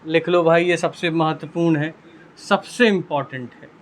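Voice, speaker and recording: A man's voice: on the high side, steady tone, moderate pace, slight background noise. A male English teacher with a Hindi accent explaining grammar rules in a classroom lesson, who keeps asking and answering his own questions and repeating "theek hai". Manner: repeats "ठीक है" constantly.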